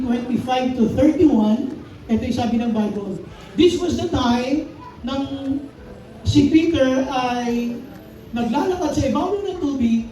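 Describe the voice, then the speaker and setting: A male pastor preaches in a high but mellow voice, moving between Tagalog and English as he reads the verses aloud. The sound is very echoey, picked up from across a church hall. Faint background noise runs underneath. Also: recorded from a distance. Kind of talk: sermon.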